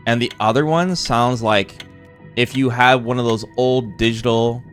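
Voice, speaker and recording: Give me a man chatting casually through a co-op game, with quiet music under him. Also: medium pitch, fairly even intonation, a little slow. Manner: thinking aloud, laughs often. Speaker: streamer.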